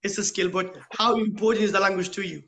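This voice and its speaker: A middle-aged British school principal talks quickly in a voice that sits high, bright and forceful with fairly even intonation. He gives earnest, explanatory interview answers, leaning on rhetorical questions and tagging his points with "right?".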